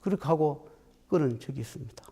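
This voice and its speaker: A man's voice: a little high, expressive, fast talker, warm tone, slight background noise. A man, a Buddhist dharma teacher, telling stories in a talk and acting out the quoted dialogue. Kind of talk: storytelling talk.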